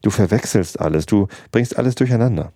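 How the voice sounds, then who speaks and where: A man's voice: lowish voice, animated, a little fast, dark tone, dry recording, clean studio sound. A man reading as the little prince, indignant. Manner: insistent questioning, rising to angry pleading. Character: small boy prince, earnest, persistent and indignant. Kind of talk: reading a storybook aloud.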